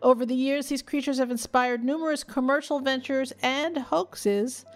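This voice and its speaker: A woman's voice: sits high, moderate pace. A woman co-hosting a podcast in a casual, chatty style. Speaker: podcast co-host. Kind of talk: casual chat, partly reading out facts.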